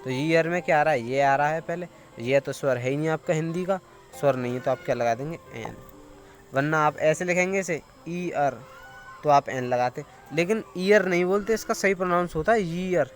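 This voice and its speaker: Higher-voiced man explaining a lesson. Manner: explanatory, asks questions, then answers them. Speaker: English teacher. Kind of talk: classroom-style explanation to students.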